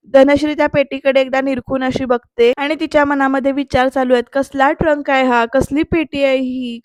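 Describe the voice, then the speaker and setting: Female recap narrator, high voice, level delivery, talks straight to viewers, dry booth. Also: no room sound. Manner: chatty, addresses viewers directly. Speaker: serial review narrator. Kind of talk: casual voice-over recap.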